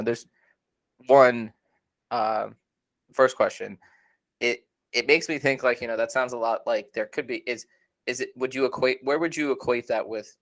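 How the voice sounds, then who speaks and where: A man's voice: medium pitch, fairly bright tone. A young man hosting a podcast, talking eagerly and rambling with frequent fillers and restarts. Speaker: podcast host. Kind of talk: casual interview chat.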